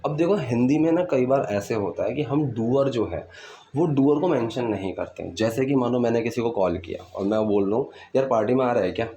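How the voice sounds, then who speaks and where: Man, teacher, step-by-step explaining, warm dark tone, faint background noise. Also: mid-range voice, fairly quick. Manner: explains step by step, often checks with "ठीक है". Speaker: English teacher. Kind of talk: spoken English lesson explaining movie lines.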